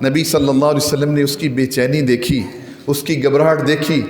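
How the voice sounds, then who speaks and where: A man giving a Friday sermon with great passion, his voice swinging widely in pitch and slowing down to recite scripture. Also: steady tone. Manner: impassioned, with wide swings in pitch. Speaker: preacher. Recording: echoey hall with long reverb.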